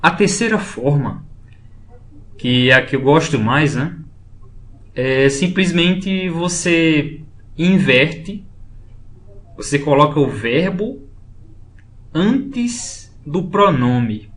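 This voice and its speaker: A man explaining French grammar in a slow, patient lesson, saying each example phrase twice. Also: a little high, animated, a bit bright. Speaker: French teacher. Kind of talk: screen-based language lesson.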